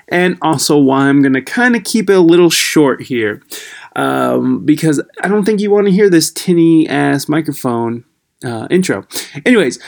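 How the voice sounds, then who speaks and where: A man's voice: a little high, gravelly. Man on a tinny laptop mic. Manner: rambling, halting, loses his train of thought. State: a little high. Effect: recorded through a laptop's built-in microphone, tinny. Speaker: podcast host. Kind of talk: casual podcast intro. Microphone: laptop built-in microphone.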